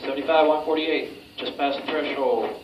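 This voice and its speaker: A man's voice: on the high side, steady tone, normal speed, muffled recording. A man working as a training instructor, giving a group drill instructions in a directive but informal way. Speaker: military-style hypoxia training instructor. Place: enclosed training chamber. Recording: roomy, distant mic, clear background noise.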